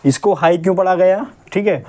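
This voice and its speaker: A male English teacher giving a classroom lesson, asking questions and repeating each point slowly. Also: sits high, a little mellow. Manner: drills word sounds syllable by syllable.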